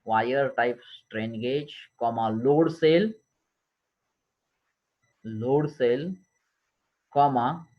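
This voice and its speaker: A man, an engineering lecturer who slowly dictates notes and repeats terms for his class. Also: medium pitch, highs cut off. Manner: slow, repetitive dictation, switching between English and Marathi.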